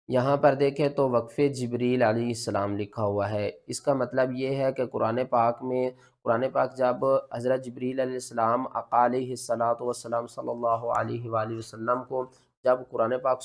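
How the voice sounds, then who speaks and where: A man teaching tajweed. He spells out letters and vowel marks one by one, asks questions and answers them himself, and chants the verses slowly. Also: medium pitch. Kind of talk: step-by-step recitation lesson.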